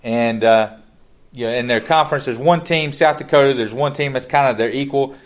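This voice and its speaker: A man's voice: mid-range voice, a little fast. A man co-hosting a podcast in casual chat, talking in a rambling way with frequent restarts. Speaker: podcast co-host.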